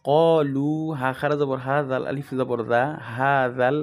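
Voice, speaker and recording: A man's voice: medium pitch, little pitch movement. A man teaching Quranic recitation, spelling out Arabic letters and vowel marks one by one in a patient, methodical way. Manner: slow drawn-out chanting when reciting whole verses; patient methodical explaining in Bengali.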